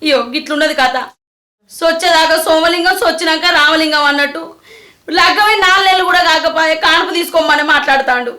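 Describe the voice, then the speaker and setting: A grieving, protective village mother with a Telangana accent speaks quickly, played by a middle-aged woman. Her voice sits high and bright. She laments and protests in plain rural speech. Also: fairly even intonation. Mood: lamenting. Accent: Telangana Telugu. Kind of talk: village short film acting.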